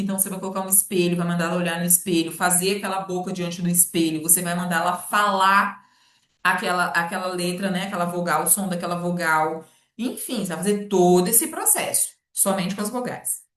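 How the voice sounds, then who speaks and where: A Brazilian woman teaching professionals about children's literacy in a patient, repetitive way, often checking in with a quick "tá?". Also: mid-range voice, recorded from a distance. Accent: Brazilian Portuguese. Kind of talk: informal teaching talk. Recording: echoey room, voice off-mic.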